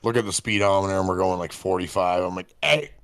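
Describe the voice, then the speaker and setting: A man co-hosting a podcast in casual chat, laid-back and swearing, often mimicking people in a high voice. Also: flat delivery, quick pace, no room sound. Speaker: podcast co-host.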